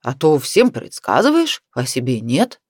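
A woman's voice: very deep voice, huge pitch swings, measured pace, husky, no room sound, studio quality, pitched below the performer's own voice, heavily acted. A woman reading as a teasing, wry husband. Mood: defensive, mocking. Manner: mocking, wry storytelling. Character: jovial middle-aged husband, teasing then defensive.

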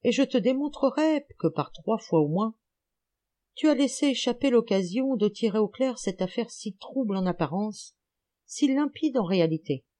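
A woman reading an audiobook, voicing an elderly, gouty male amateur detective who is excited, teasing and lecturing. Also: on the high side, moderate pace, voice pushed up, natural voice.

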